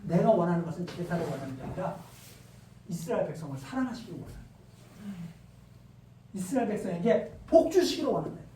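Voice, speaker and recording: A male pastor preaching a Bible lecture sermon, animated and acting out quoted speech. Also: high-pitched, fast talker, pauses often, a little hiss or hum. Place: church sanctuary. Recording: roomy distant church mic.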